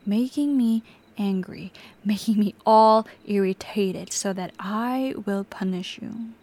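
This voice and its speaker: The menacing captor in this audio roleplay is voiced by a young woman who takes her time, her mid-range voice shifting from soft whispers to sudden sharp outbursts. The character is obsessive and volatile.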